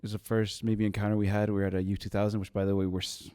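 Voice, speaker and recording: Low-voiced man hosting a casual chat. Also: little pitch movement, racing, mellow, clear, resonant tone, no room sound, clean studio sound. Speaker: interviewer.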